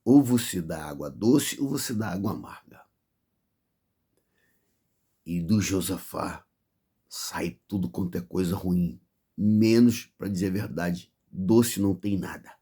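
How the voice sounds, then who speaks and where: A man's voice: low-pitched, unhurried, pauses often, dark tone, slightly rough. A man with a Brazilian accent preaching a fervent sermon of warning, piling up repeated phrases.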